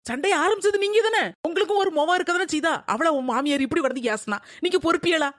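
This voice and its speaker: An indignant young daughter-in-law, played by a woman, argues back quickly in a high voice. She defends herself hard, and the recording is dry and close. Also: animated, a bit bright, no echo. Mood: angry. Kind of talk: family quarrel skit acting.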